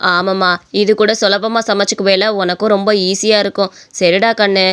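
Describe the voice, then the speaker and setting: A woman voicing a gentle, worried elderly mother-in-law in a cartoon story, speaking softly and fretfully. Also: mid-range voice, level tone, normal speed, clean tone, pitched below the performer's own voice, lightly acted. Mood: placating.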